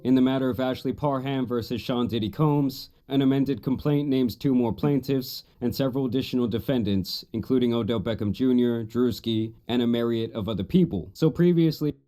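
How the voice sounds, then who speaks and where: A man reading a scripted commentary narration in a steady, matter-of-fact storytelling manner. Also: medium pitch, brisk, few pauses.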